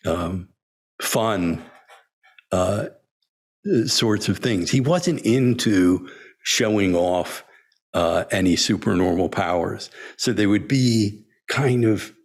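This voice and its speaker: An older man, a senior disciple, reminiscing in a storytelling talk, halting with many fillers and frequent chuckles. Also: low-pitched. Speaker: senior disciple telling stories.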